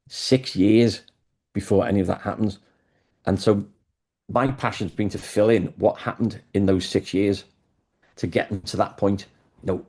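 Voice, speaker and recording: A man speaking as an interview guest, with a lower voice and a mellow, relaxed tone. He tells his stories with enthusiasm and keeps the talk easy. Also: slightly rough. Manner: enthusiastic storyteller. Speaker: guest, music historian. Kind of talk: conversational interview.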